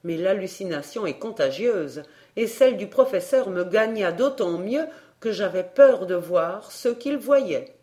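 A woman narrating an audiobook of a classic tale. She reads slowly and deliberately in a mid-range voice. Her storytelling is measured and expressive. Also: mid-range voice.

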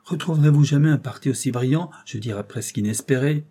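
A man's voice: medium pitch, quick pace, dark tone, breathy edge, pitched above the performer's own voice. Man doing a proud wary countess. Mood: guarded. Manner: guarded, feigned nonchalance. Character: proud frightened aristocratic countess, woman.

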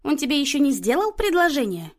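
A woman reading an audiobook, voicing a bossy, nosy mother who talks loudly and scolds. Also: sits high, sing-song, a little fast, pitched above the performer's own voice. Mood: indignant. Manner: loud, indignant, scolding. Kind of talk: audiobook character voice.

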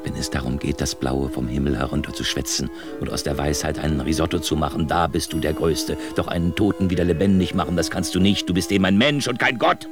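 A man's voice: a bass voice, fast, hardly any pauses. An actor playing an ancient male god who taunts a mortal sage, with violin music behind him. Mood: mocking.

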